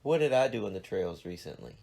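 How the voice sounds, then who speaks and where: This podcast host is a man in his forties, stuffed up and slightly nasal from allergies, joking and running himself down in casual chat. He talks fairly quickly in a deep, creaky, darkish voice with a sing-song lilt.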